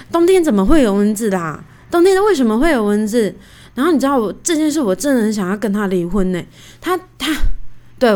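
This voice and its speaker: A woman in her thirties hosting a casual solo podcast, telling stories in a chatty, animated way with lots of fillers. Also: medium pitch. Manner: chatty, animated, indignant retelling; many fillers like "you know". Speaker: podcast host.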